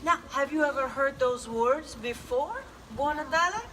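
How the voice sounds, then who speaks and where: A woman's voice: high voice, moderate pace, distant mic, crowd noise, natural voice, low-quality recording. A woman playing a kindly old Italian witch who brings gifts, with an Italian accent, telling a story to children and coaxing answers from them. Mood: playful coaxing. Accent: Italian (put on). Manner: theatrical, coaxing, asks the audience questions. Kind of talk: live in-character storytelling.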